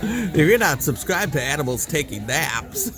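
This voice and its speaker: This travel channel host sounds very animated as he describes the animals he spots, his casual, awestruck exclamations delivered in a mid-range voice at normal speed. Music runs underneath.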